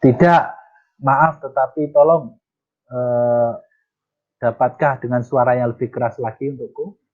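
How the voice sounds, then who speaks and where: A man teaching Japanese in a casual lesson. He reads example sentences slowly, then translates and explains them. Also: medium pitch, fairly even intonation, faint music behind. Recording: tinny phone-like audio.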